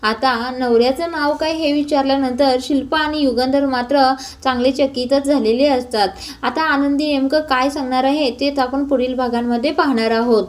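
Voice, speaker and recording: A woman's voice: high-pitched, fairly even intonation, moderate pace. A woman narrating a casual recap of a TV serial, retelling scenes in a running present tense with small fillers.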